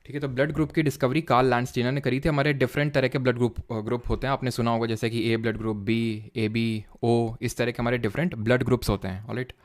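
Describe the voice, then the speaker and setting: A man's voice: mid-range voice, little pitch movement, fast talker, hardly any pauses. Man teaching a live online class. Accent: Indian English terms mixed into Hindi. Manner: explains step by step, asks quiz questions, says "ठीक है" often. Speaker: online tutor.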